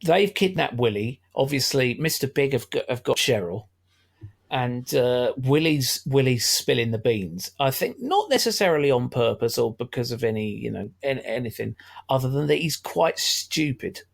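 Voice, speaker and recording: Gravelly middle-aged man. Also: mid-range voice, lively intonation, moderate pace. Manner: chatty, wry, laughs often. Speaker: podcast co-host. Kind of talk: casual film discussion.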